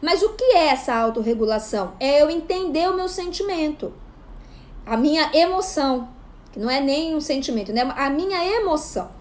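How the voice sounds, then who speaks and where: A woman in her thirties, a psychopedagogue, giving casual parenting advice to camera in an animated way. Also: high-pitched, normal speed. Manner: animated, acts out parent and child voices. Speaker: psychopedagogue and parenting channel host.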